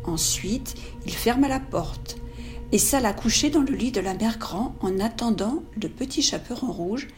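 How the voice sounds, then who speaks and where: A woman reading a classic fairy tale aloud in a clear, measured, expressive way. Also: a little high, soft background music. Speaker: storyteller.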